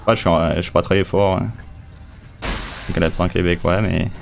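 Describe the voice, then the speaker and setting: A man with a very deep, low-pitched voice chats loosely with his stream audience as he plays, joking at his own expense and trailing off mid-thought. Faint game music plays softly underneath. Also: fairly even intonation, moderate pace, creaky. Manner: chatty, distracted, self-mocking. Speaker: speedrunner streamer. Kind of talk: casual commentary while playing.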